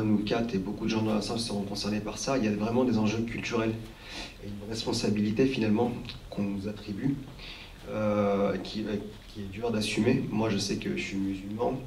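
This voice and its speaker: A man in his thirties talks reflectively on a live discussion panel, his fairly low voice hesitant with fillers and restarts. He sounds distant from the mic, and the large room rings around him with a faint murmur behind. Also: darkish tone, slight background noise. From France. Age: 30s. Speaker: panel guest, record collector and documentary maker. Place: hall with an audience. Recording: roomy hall from a distant mic.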